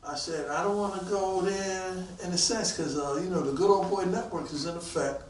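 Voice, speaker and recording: A man around sixty tells his stories in a casual interview, lively and quick to act out other people's words. His voice sits a little high for a man. It echoes off a roomy space, with the mic set back from him. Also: recorded from a distance, a little hiss or hum. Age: about 60. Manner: animated, acts out quoted voices, gets excited. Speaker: guest, police detective.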